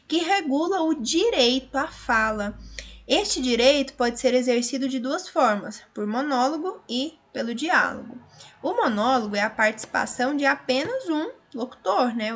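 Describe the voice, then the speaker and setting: A woman teacher from Brazil talks through a revision lesson with a slightly high voice. She explains patiently, point by point. She keeps stopping to check that her students are following. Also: a bit bright. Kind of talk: recorded online revision lesson.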